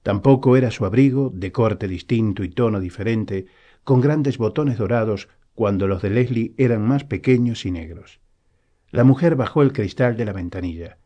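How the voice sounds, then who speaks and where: A man reading a novel aloud as an audiobook narrator, in a calm, even storytelling manner. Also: fairly low pitch, moderate pace.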